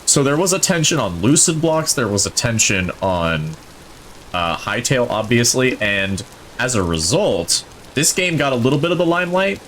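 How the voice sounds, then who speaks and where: A man's voice: mid-range voice, sing-song, normal speed, fairly bright tone, slight background noise. A male streamer giving casual, chatty gameplay commentary, rambling and thinking aloud, enthusiastic about what he plays.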